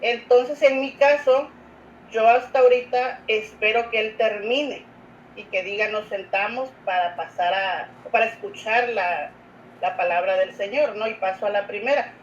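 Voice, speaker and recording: A woman's voice: a little high, moderate pace. A woman, a church lector, asking a long question in a class and rambling earnestly with fillers. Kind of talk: casual question in an online class. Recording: dull lo-fi call audio with faint noise.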